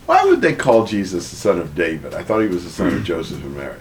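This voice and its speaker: A man leading a group Bible study, explaining a passage in a relaxed way and asking the group questions. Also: sits low, fast talker, a little hiss or hum. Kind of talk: conversational group Bible teaching.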